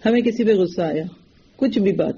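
A woman's voice: medium pitch, dark tone, dull audio, slight background noise. A woman giving a religious lecture in an earnest, direct way, often putting rhetorical questions to her listeners. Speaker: religious teacher.

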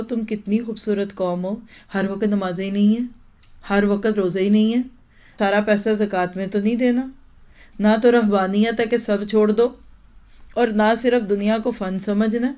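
A woman's voice: medium pitch, darkish tone. A woman teaching in a Quran lecture, explaining verses emphatically and asking the listeners rhetorical questions. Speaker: Islamic teacher. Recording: dull lo-fi recording.

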